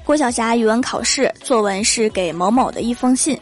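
A woman's voice: on the high side, moderate pace, over loud music. A young woman, telling funny stories in a punchy, joking way as a comedy host. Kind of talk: comedic storytelling monologue.

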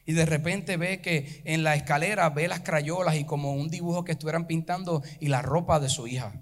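A man's voice: on the high side, fairly quick. A male pastor preaching a fervent sermon to his congregation, rising into chanted preaching at the peaks. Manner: addresses the congregation directly.

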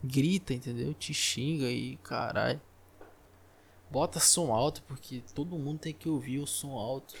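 A man's voice: mid-range voice, moderate pace, gravelly, slightly rough. A man with a Brazilian accent, hosting a solo podcast and ranting in a profane, exasperated way into a close microphone. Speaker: podcast host.

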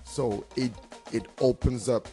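A man's voice: medium pitch, steady tone, takes it slowly, mellow, soft background music. A man telling stories in a casual interview as a DJ and hype man, confident, boastful and slangy. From Cameroon.

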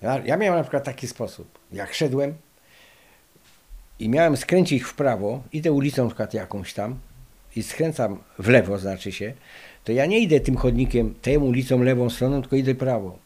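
An older Polish man, interviewed for an oral history, tells lively stories full of fillers. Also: medium pitch, moderate pace, breathy edge. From Poland. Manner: lively anecdotal storytelling with many fillers. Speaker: interviewee recalling the past.

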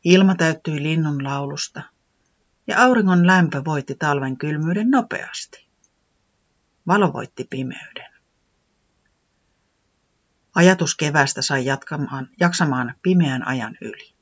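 A storyteller reading a children's story aloud in a gentle, calm way. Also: mid-range voice, long pauses, husky, highs cut off.

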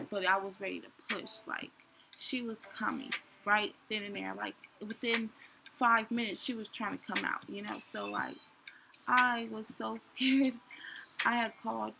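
A woman's voice: medium pitch, creaky, background noise. A young woman hosting a show, telling her own story candidly in a rambling way with many fillers. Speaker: podcast host. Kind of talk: personal storytelling.

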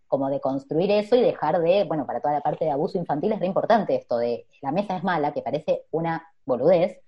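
Brief: Rioplatense mother, low voice, dull lo-fi sound, rambling chat. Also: animated, fast talker. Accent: Rioplatense Spanish. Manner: rambling, thinks aloud with many asides. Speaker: guest, mother and influencer. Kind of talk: casual chat.

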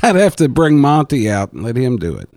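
A man with an Appalachian hillbilly accent and a gravelly voice, chatting casually in a folksy, agreeable way. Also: medium pitch, big pitch swings, fairly quick, darkish tone, dry recording, studio quality. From small town in the United States. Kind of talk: casual chat.

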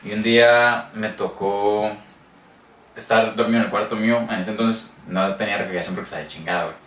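Young Mexican man, quick casual storyteller, echoey room, a bit off mic. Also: fairly low pitch. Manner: animated storyteller, acts out shouts and sound effects. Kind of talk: casual chat, telling a scary story. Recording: echoey room, mic at a distance, faint noise.

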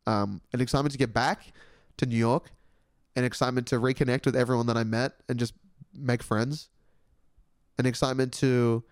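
A man's voice: medium pitch, no echo. Young aussie guy rambling on his podcast, swears a lot, dry close sound. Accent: Australian. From Australia. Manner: excitable, rambling, swears casually. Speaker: podcast host. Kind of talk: casual solo podcast chat.

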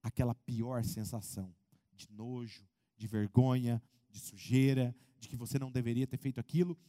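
A man preaching a sermon as pastor, in an animated way. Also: medium pitch, moderate pace, long reverb tail. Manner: animated preaching, acts out congregants' voices.

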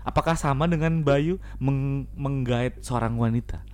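A man's voice: mid-range voice, measured pace, darkish tone, clean tone. A man hosting a casual chat, teasing his guests and laughing often. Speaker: host. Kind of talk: casual banter.

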